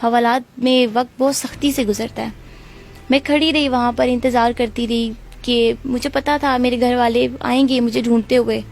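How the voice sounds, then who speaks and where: A young woman with a Pakistani Urdu accent, giving an interview and telling of her ordeal in an earnest, steady way. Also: a little high, gravelly, a little hiss or hum. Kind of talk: emotional personal account.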